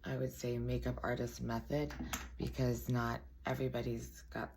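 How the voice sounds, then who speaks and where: Female, very deep raspy voice with gravelly fry, chatty casual beauty tutorial host. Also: flat delivery, moderate pace, background noise. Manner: chatty, self-deprecating asides. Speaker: makeup tutorial presenter.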